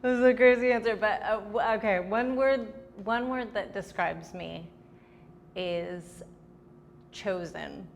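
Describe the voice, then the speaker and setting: A woman's voice: medium pitch, takes it slowly, vocal fry, long reverb tail, slight background noise. A young adult woman, a comedian, giving candid, chatty answers in a casual interview.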